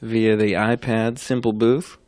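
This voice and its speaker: A man's voice: lowish voice, flat delivery, measured pace, darkish tone, no echo. A man co-hosting a radio show, chatting casually with a joking, teasing manner. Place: radio studio.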